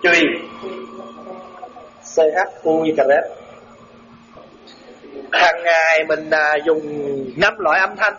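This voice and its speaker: A man gives a Buddhist dharma talk in a slightly high voice. He explains terms slowly and keeps asking his listeners questions. The recording is echoey, dull and lo-fi, with faint noise underneath. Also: fairly even intonation, bright, forceful tone. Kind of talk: sermon.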